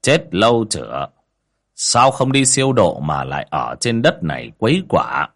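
A stern old exorcist master, as the narrator puts him on, deep-voiced and commanding, scolding a spirit in a horror audiobook. His tone swings widely between gruff orders and sharp questions. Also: big pitch swings, a little slow, exaggerated voice.

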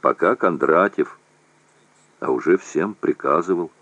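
A man's voice: sits low, a little slow, fairly bright tone, no room sound. A man reading the lines of a confident young artillery officer who coaxes insistently. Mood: coaxing. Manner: coaxing and insistent.

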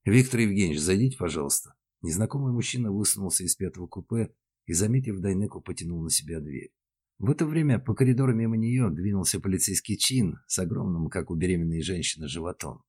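Male narrator, deep voice, husky, steady, audiobook reading. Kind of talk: scripted narration.

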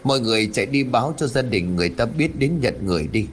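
A male audiobook narrator telling a ghost story with a very lively, moving pitch. He changes his voice and pace for each villager he quotes. Faint noise sits behind him. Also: fast talker.

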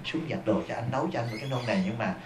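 A man voicing a wife who sweetly coaxes her husband into doing chores, speaking softly and wheedling. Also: medium pitch, rapid-fire, a little hiss or hum, voice pushed down, lightly acted. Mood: coaxing. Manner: soft, wheedling, coaxing. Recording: echoey hall.

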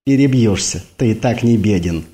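A man reading an audiobook, voicing a wounded, sharp-tongued wife who answers curtly and sarcastically. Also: lowish voice, animated, normal speed, close to an everyday voice. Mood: weary sarcasm. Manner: curt and sarcastic.

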